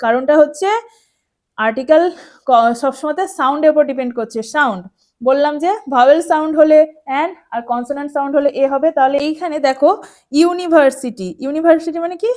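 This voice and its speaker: A woman with a high, light voice talks a class of children through a grammar rule. She goes over each point patiently and again, checking often that the students follow. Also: steady tone, a little fast, darkish tone. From West Bengal, India. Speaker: teacher. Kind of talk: explaining an English grammar lesson.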